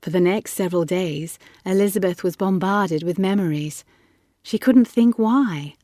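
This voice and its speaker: A woman narrating a short story audiobook in a measured storytelling manner. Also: lowish voice, warm tone, no room sound, clean studio sound. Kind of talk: scripted narration.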